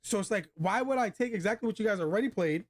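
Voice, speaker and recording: Speaking fast, with a high-pitched, animated voice, a man hosts a casual movie review chat for his video game movie review show. His delivery is slangy, emphatic, and opinionated.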